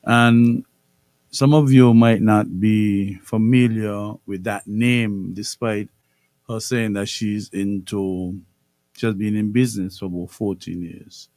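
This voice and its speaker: A middle-aged man hosting a radio interview show, speaking in a measured way and repeating phrases for emphasis. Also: fairly low pitch, steady tone, a little mellow, no room sound. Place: radio studio.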